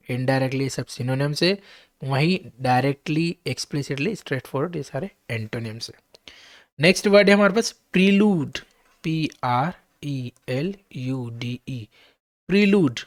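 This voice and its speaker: A man's voice: mid-range voice, no room sound, clean studio sound. A man teaching English vocabulary to exam students, spelling each word out letter by letter and checking in with his listeners.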